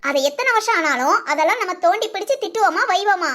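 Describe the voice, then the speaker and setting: A woman's voice: very high-pitched, lively intonation, fast talker, a bit bright. A woman voicing a feisty, argumentative young village wife in a cartoon. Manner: argumentative, giggly, stammering. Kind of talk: cartoon voice acting.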